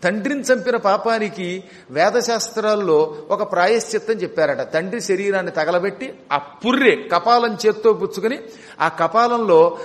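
A man's voice: high-pitched, a bit bright. A man playing a remorseful young prince. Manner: self-reproaching, sorrowful. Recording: long hall reverb.

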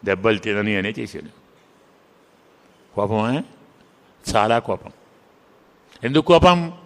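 A man's voice: lowish voice, lively intonation, slow pace. A man telling an epic story in a devotional sermon, dramatic and often questioning his listeners. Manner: questioning the audience, dramatic retelling. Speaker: religious discourse speaker. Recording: reverberant hall.

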